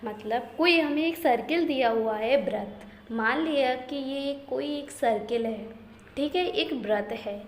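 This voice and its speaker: A woman teaching math step by step, often asking the class a question and checking they follow. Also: high-pitched. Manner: slow, step-by-step, repeated questions and "theek hai" checks. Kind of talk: blackboard math lesson in Hindi-English mix. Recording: echoey room with faint ambient noise.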